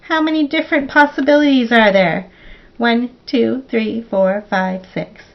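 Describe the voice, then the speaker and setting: A woman teacher reading a picture book aloud to young children in an expressive, playful way, counting along. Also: a little high, measured pace, gravelly, highs cut off.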